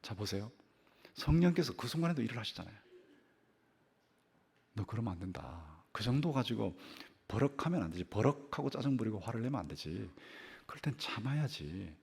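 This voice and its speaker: An older man, a church pastor, preaches a sermon in the church sanctuary, telling a story with animated delivery, repeated phrases, and sharp rises and drops in his voice. His voice is medium-pitched, brisk and creaky, with a breathy edge.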